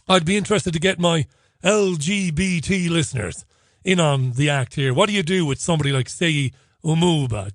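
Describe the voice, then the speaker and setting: A man's voice: fairly high pitch, a bit bright, no room sound, clean studio sound. A man hosting a talk radio show, delivering a sardonic monologue with frequent laughter and mock phone-call banter.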